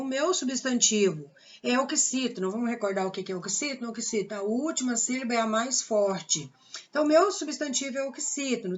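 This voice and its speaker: A woman's voice: a little high, a bit bright, dull audio. A woman teaching a grammar lesson with a Brazilian Portuguese accent, patiently repeating the rules and asking rhetorical questions.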